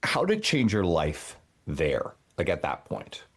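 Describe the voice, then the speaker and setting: A man from hosts a podcast. His voice sits on the low side, and he asks questions in a chatty, enthusiastic conversational manner. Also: huge pitch swings, measured pace, fairly bright tone. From Newfoundland. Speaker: podcast host. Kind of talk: conversational interview.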